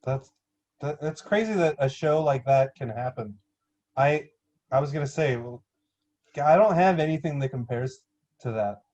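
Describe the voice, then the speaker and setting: A man's voice: mid-range voice, moderate pace, pauses often, a little mellow, muffled recording. A man guesting on a podcast, telling a rambling story in casual chat.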